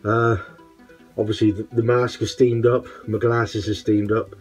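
A middle-aged man speaks through a face visor from his home workshop, his voice on the low side. He rambles casually through a product review, full of ums and restarts. Faint music plays behind him. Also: level tone, a little slow, a little mellow. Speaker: woodworker reviewing a respirator.

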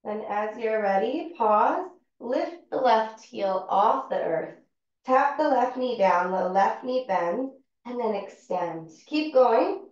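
Calm woman cueing yoga in an echoey room. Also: on the high side. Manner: calm, unhurried cueing of movements. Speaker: yoga teacher. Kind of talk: guided yoga class instruction. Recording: far-off, echoey, dull-sounding room recording.

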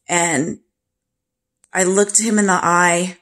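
A woman vlogger telling a personal story to camera in a slow, halting, grief-stricken way. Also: on the low side, steady tone, fairly bright tone.

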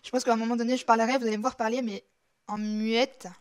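A woman's voice: on the high side, level tone, quick pace. A woman commenting casually while playing a horror game, chatty and rambling. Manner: chatty, rambling, drops to whispers when tense. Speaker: gaming YouTuber. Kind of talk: casual let's-play commentary.

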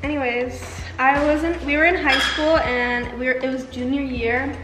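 A woman's voice: sits high, fairly even intonation, moderate pace. A young adult woman, a streamer, chatting casually at the table while she eats. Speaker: streamer hosting a mukbang Q&A. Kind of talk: casual chat over food. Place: indoor dining table in a large room. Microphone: camera across the table. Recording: echoey room, music behind.

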